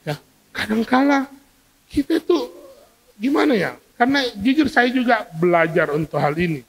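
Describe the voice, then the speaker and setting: High-pitched pastor guy preaching, keeps asking the crowd stuff, big echoey church hall. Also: moderate pace, gravelly, slightly rough. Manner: lively, asks the congregation questions, acts out everyday scenes. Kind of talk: sermon. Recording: long hall reverb from a church.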